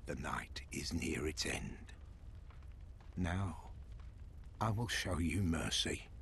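Solemn old hunter mentor, very deep, slow, swinging inflection, game voice. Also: male voice, animated, creaky, a bit bright, slight background noise, full character voice. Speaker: game character. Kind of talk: video game voice acting.

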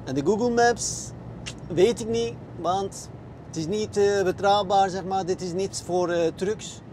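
Slow-talking truck driver, thinking aloud. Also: male voice, sits high, darkish tone, a little hiss or hum. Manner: thinking aloud, hesitant, many fillers. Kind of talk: casual vlog talk while driving. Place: truck cab.

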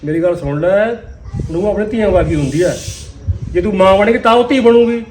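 Guy as punjabi family man, quick lecturing talk, noisy background. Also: high voice, darkish tone, close to an everyday voice. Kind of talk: rural comedy skit acting.

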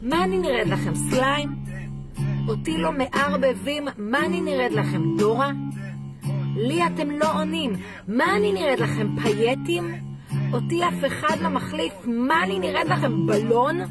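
A woman's voice: high-pitched, animated. A woman playing a frazzled, fed-up mother of young kids in a comic song, firing off exasperated rhetorical questions. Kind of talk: comic sung monologue over guitar. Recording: guitar music loud behind the voice.

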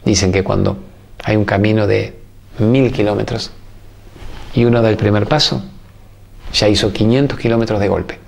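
Argentine guy with a gravelly voice, preachy spiritual host, keeps hammering lists of phrases. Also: lowish voice, steady tone, moderate pace, long pauses. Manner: emphatic, preachy, strings repeated phrases. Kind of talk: spiritual talk to viewers.

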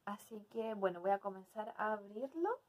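Casting: young adult woman, mid-pitched voice, hesitant and casual, as an unboxing vlog host. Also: expressive, moderate pace, lo-fi sound. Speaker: video host. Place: small decorated room indoors.

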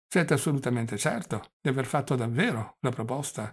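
In an audiobook, a man voices an impatient young nephew pressing an old man with questions, his delivery animated, fairly quick, and husky. The pressing lines come quieter and lower than the narration.

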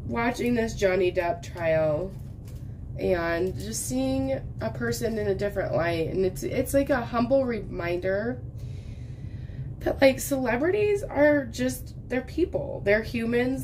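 While diamond painting indoors at a craft table, a crafting vlogger in her thirties talks casually and rambles from one thought to the next. Her medium-pitched voice is recovering from being lost, bringing some coughing, and background noise is present.

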